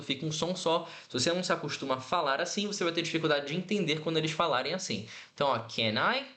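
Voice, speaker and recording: A man teaching English in an online lesson, patiently explaining and repeating example phrases slowly. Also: on the high side, fairly bright tone, roomy sound.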